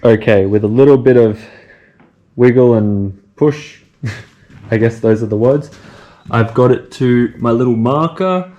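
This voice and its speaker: A man's voice: medium pitch, measured pace, pauses often, highs cut off. Easygoing man explaining a bike fix. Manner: relaxed, talks through each step as he works. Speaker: bike tech presenter. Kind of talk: casual how-to demonstration. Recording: echoey room with faint noise.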